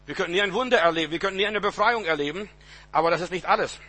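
A man's voice: sits high, very fast, bright, forceful tone. A man preaching a sermon, emphatic and repetitive, often restarting with stammered words, on a radio-style recording.

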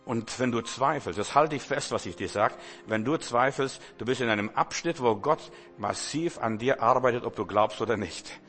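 A man's voice: medium pitch, normal speed, few pauses, fairly bright tone. Emphatic preacher man in a reverberant hall. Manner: emphatic, repeats words, speaks straight to the listener. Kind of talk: sermon. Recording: reverberant hall with faint music.

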